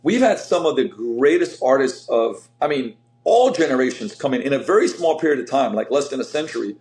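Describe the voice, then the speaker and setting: A middle-aged man from Slovenia talks in a casual interview, full of energy and fillers, restarting his sentences as he goes. His voice sits at an ordinary pitch. The room gives it a noticeable echo. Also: a little fast. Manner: energetic, rambling, lots of fillers. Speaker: fitness coach, guest. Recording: roomy echo.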